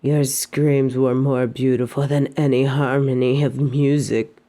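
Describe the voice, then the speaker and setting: A woman voices a wicked, possessive queen for an intimate audio roleplay, speaking with an extremely low, dark, breathy voice in a level tone that often sinks toward a whisper. Her manner is formal, regal and slowly seductive, and she sounds adoring and triumphant.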